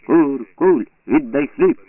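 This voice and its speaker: A man voicing a chorus of schoolchild pioneers who chant shrill slogans in a high, strained voice. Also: huge pitch swings, slow pace, dry recording, exaggerated voice. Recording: tinny lo-fi phone-like sound.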